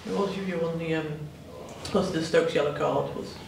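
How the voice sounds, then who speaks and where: A man's voice: a little high, steady tone, normal speed, vocal fry. A man who works as a sports journalist, asking rambling questions with restarts at a press conference. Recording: echoey room, distant from the mic, noisy.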